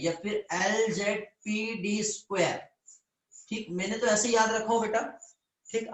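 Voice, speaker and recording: A man's voice: high voice, reverberant. A man teaching biology in a live online lecture, calling students "beta" and often checking whether they understand.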